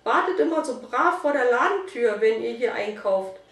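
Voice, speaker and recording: A woman reading a storybook voices a panicked female butcher-shop saleswoman with shrill, frantic shouting. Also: expressive, normal speed. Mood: flustered. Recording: roomy, distant mic.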